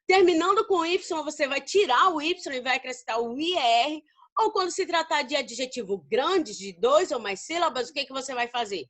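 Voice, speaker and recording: A Brazilian woman teaches English grammar in a high, bright voice. She speaks to her class with affection and calls them babies. She keeps asking questions and answering them herself. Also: expressive, normal speed. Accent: Brazilian Portuguese. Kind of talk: recorded grammar lesson.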